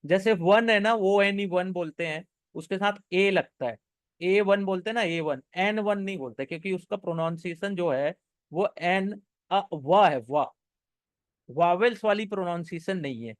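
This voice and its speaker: A man's voice: high voice, clean tone, no echo. A young man teaching an exam-prep class live, encouraging his students and explaining each answer step by step. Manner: encouraging, explains step by step, reads sentences slowly. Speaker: online English teacher.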